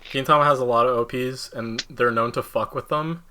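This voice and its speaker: A man's voice: medium pitch, fairly even intonation, brisk, pushed and bright, slight background noise. A young man co-hosting a podcast, chatting casually in an ordinary mid-range voice. He rambles through loose, filler-heavy sentences and breaks into laughter often. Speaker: podcast co-host. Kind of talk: casual chat.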